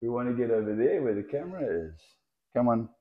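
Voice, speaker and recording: A man showing off a lively python outdoors on camera, chatty and laughing, talking to the snake as it wraps around his clip-on mic. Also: medium pitch, fast, narrow, tinny audio. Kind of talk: casual hands-on video chat. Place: outdoors in the sun. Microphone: clip-on mic the snake keeps wrapping.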